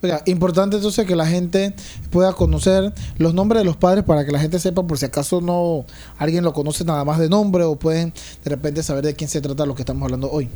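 A man interviewing a family, asking brisk, leading questions. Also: on the high side, steady tone, dark tone.

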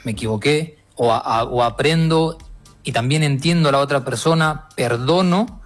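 A man's voice: mid-range voice, moderate pace, soft background music. A man with an Argentine accent speaking as a guest in a casual conversation, reflective, with frequent restarts. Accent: Argentine Spanish.

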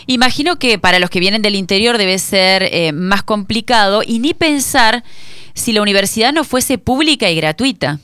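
Una mujer argentina que conduce una entrevista de radio, con intervenciones breves de apoyo y alguna pregunta. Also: female voice, medium pitch, expressive, moderate pace, fairly bright tone, clear, resonant tone, no room sound, studio quality. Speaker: radio host.

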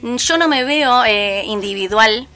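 A woman's voice: fairly high pitch, slow, pushed and bright, faint music behind. A woman in her thirties with a Rioplatense Argentine accent, a physical education teacher talking in a casual chat, chatty with frequent fillers. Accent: Rioplatense Spanish. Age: 30s. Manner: chatty, restarts and fillers often.

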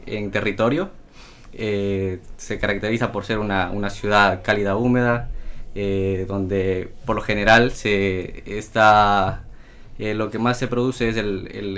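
A man speaks as a guest in a low voice. He halts often, with fillers and restarts. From Ecuador. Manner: halting, many fillers and restarts. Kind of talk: casual chat.

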